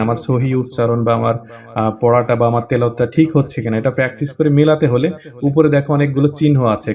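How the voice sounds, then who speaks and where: Man, casual app tutorial, chatty check-ins, fillers, mid-pitched voice. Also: darkish tone, highs cut off.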